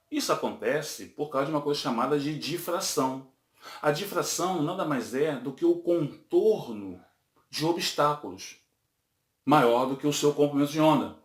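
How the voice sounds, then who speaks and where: A man's voice: fairly high pitch, roomy sound. A man teaching a physics lesson, explaining step by step and checking in with tag questions.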